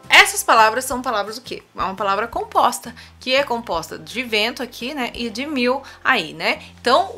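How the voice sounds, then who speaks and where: A woman's voice: high voice, sharp tone, breathy edge. A woman with a Brazilian Portuguese accent teaching an online English lesson, explaining patiently and often checking in with the viewer. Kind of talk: online tutorial explaining rules.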